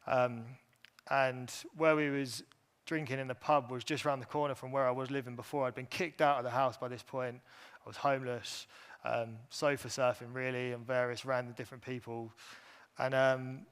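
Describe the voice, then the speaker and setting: A man telling his personal story to a conference audience, candid and halting, with many fillers and restarts. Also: mid-range voice, fairly bright tone, smooth. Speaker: speaker at an industry event.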